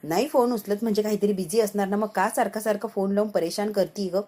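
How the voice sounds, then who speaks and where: A woman's voice: mid-range voice, fast, mellow, close to an everyday voice. A woman voicing an impatient, scheming young woman who scolds and rambles. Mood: irritated.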